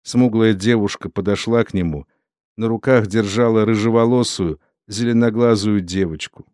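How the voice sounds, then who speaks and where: A man's voice: on the low side, normal speed, no room sound. Male audiobook narrator, dry close sound. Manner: steady, solemn storytelling. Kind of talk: scripted literary narration.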